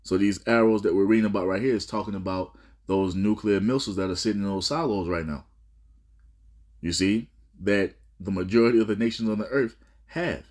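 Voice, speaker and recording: A man's voice: lowish voice, a little fast, darkish tone. A man teaching scripture in a fiery style, stumbling and restarting, with repeated rhetorical questions.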